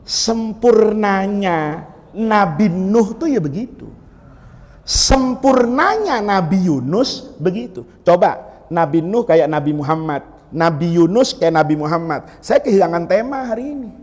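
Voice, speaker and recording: Man with preaching, jokey storyteller, pitch all over the place. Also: lively intonation, measured pace, darkish tone. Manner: joking, storytelling, acts out quotes. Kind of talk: humorous mosque sermon. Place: large mosque hall. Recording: reverberant hall.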